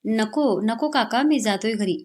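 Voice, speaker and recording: Brief: woman reading a curt young male boss in a romantic storybook, quick to anger, a touch high. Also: natural voice. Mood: impatient. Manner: curt, impatient. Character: young man, short-tempered boss in love.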